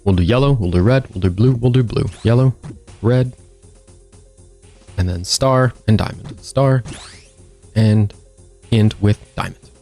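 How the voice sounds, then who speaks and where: A man's voice: lowish voice, unhurried, long pauses, warm tone, faint music behind. A man streaming a video game, chatting casually and joking as he plays. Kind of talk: casual gameplay commentary.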